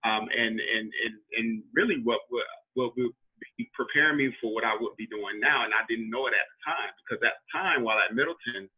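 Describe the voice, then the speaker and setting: A man's voice: medium pitch, fairly quick, breathy edge. A man in his thirties from Tampa, Florida, answering interview questions hesitantly, with many ums and false starts. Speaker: interview guest. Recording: tinny phone-like line.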